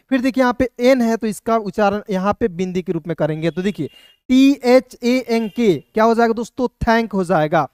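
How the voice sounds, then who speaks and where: A man gives a patient, repetitive video lesson, walking through each point step by step. He often asks his viewers a short check question and answers it himself. His voice is smooth and resonant, and the sound is dry and close. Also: extremely high pitch, darkish tone, no room sound. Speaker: English teacher.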